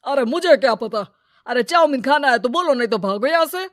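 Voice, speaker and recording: A woman voicing a greedy, scheming male village moneylender, loud and brash in a cartoon story. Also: sits high, animated, brisk, dry recording, clean studio sound.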